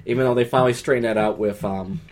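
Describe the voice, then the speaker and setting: On poor audio, a New England man speaks fast in a steady, medium-pitched voice as he co-hosts a casual chat. He wanders through sports trivia with jokes and the occasional swear, trailing off into mumbles.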